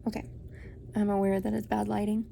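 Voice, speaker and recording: A woman's voice: mid-range voice, completely flat delivery, brisk, creaky, mellow, slight background noise. A woman giving casual, opinionated, rambling vlog talk about her reading, her speech slightly muffled by the retainer she is wearing. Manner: opinionated, informal, trailing asides. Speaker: book vlogger.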